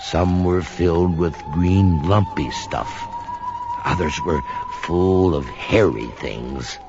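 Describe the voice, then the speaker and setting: An actor with a low male voice plays a sinister old storyteller welcoming listeners into his home to hear a spooky Halloween tale, told theatrically and dramatically. He moves slowly between whispers and outbursts, creating a frightened, suspenseful mood. Music plays behind him on a dull, lo-fi recording.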